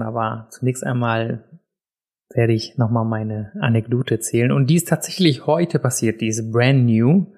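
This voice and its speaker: A man's voice: mid-range voice, darkish tone. A man hosting his own podcast, chatting casually and self-deprecatingly with frequent filler sounds, seated indoors at a desk mic. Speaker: podcast host. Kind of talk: casual solo podcast chat. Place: seated indoors in a room set up for recording. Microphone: podcast mic on a desk, also filmed for video.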